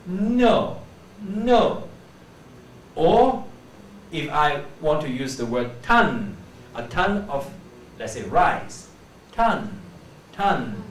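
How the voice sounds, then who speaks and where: A man teaching pronunciation, explaining each sound and slowly repeating example words to demonstrate it. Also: a little high, a bit bright. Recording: echoey room, voice from a distance, faint background hum.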